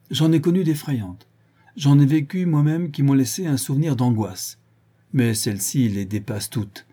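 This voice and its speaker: A man's voice: medium pitch, dark tone, husky, close to an everyday voice. A man reading an audiobook, voicing a worldly, self-assured adventurer who talks with confident, expansive flourish. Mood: grave.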